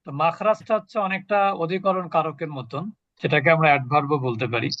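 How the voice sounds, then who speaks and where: A man teaching a lesson on pronouncing Arabic letters, repeating syllables slowly in drills. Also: fairly high pitch, fairly bright tone, no echo, lo-fi sound.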